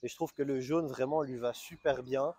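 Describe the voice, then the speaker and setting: This Belgian French-accented man shows off a car at a moderate pace, chatty and enthusiastic, though he keeps restarting hesitantly. His medium-pitched voice is darkish with a breathy edge and fairly even intonation, recorded without echo on a small camera-mounted mic.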